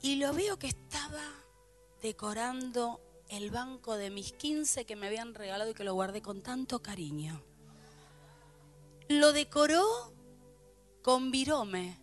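A middle-aged woman pastor with a Rioplatense Argentine accent, telling funny stories to her congregation in an animated sermon. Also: a little high, a little slow, pauses often, faint music behind. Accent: Rioplatense Spanish. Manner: animated storytelling, playful asides to the congregation. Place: church before a live congregation.

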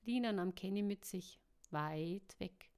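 A woman reads a storybook chapter aloud. Her narration is steady and even, a middle-pitched voice carrying the scene at a measured reading pace. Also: smooth. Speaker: audiobook narrator.

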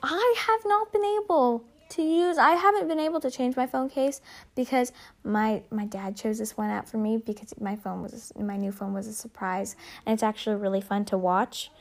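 A woman's voice: medium pitch, a little fast. A teenage girl co-hosting a casual podcast, rambling and giggly with lots of fillers and restarts, recorded on a phone. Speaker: podcast co-host. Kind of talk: casual chat.

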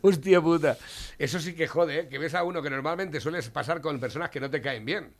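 A male host from chats and jokes in a slightly high voice with a gravelly, creaky edge. He reads messages aloud casually and swears easily. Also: fairly quick, a little hiss or hum. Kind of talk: casual chat reading listener messages.

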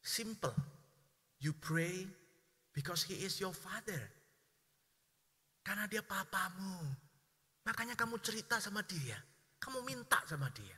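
A middle-aged man preaching a sermon, lively and animated, addressing his congregation and acting out the voices of people he describes. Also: high-pitched, a little slow, pauses often, breathy edge, long reverb tail. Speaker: pastor.

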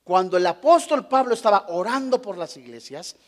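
A male preacher delivers a sermon in a notably high voice. He fires rhetorical questions at his listeners and slips into little acted scenes to make his point. His voice rings out with a long reverb, as if he were in a large church hall. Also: expressive, normal speed. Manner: acts out short scenes in character voices.

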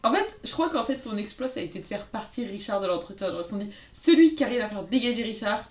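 A woman's voice: medium pitch, lively intonation, quick pace. A woman in a casual chat, dropping dry sarcastic quips. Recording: distant mic in a roomy space.

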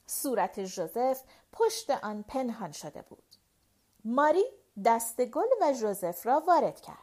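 A woman narrating a novel in the first person, with expressive, animated storytelling. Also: on the high side. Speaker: audiobook narrator.

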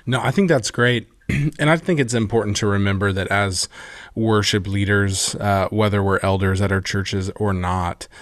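A man, a worship leader, talking in a casual podcast chat, affirming the other speaker and getting animated as he makes his points. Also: on the low side, moderate pace, no echo. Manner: affirming, gets animated when making a point.

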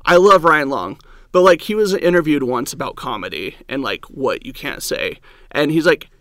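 A man talks about his comedy sets in a loose, rambling way, leaning on "like" and "um" between thoughts. His voice sits a little high and swings widely in pitch. The sound is dry, with no room echo. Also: lively intonation, normal speed, a bit bright. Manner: rambling, heavy use of "like" and "um". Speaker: stand-up comedian guest. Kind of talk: casual storytelling chat.

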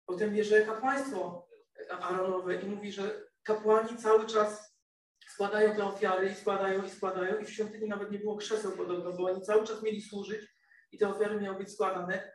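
High-voiced man preaching in an echoey room. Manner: conversational, searching for words. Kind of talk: sermon. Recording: echoey room, distant mic.

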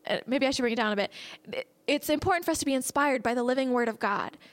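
A woman evangelist telling a story in a sermon, in a lively, conversational way. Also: high-pitched, fast. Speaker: evangelist speaker.

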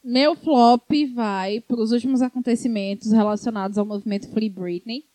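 A woman's voice: on the high side, steady tone, moderate pace, mellow, dry recording. A woman with a Brazilian accent and a slushy lisp on her s sounds, recounting news casually as a co-host. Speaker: show co-host.

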